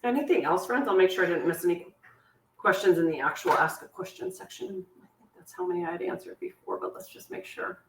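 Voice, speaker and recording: This woman's voice is slightly low and squeaky, with a brisk, sing-song delivery as she hosts a live online cooking class and answers viewer questions, despite a sore back. She's chatty and warm, often laughing at herself. Recorded from a distance in her echoey home kitchen, the clip carries a little hiss or hum and the clatter of cutlery and dishes.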